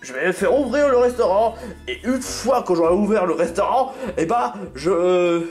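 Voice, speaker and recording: A woman voicing a scheming, bossy male fast-food boss in an amateur cartoon dub, halting and full of hesitations. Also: mid-range voice, animated, darkish tone, soft background music, lightly acted. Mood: stern.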